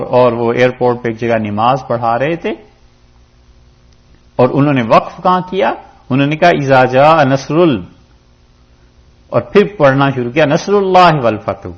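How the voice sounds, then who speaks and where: A man from Pakistan giving a religious lecture on Quran commentary, teaching with animated rises and drops for emphasis. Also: mid-range voice. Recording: dull lo-fi lecture recording.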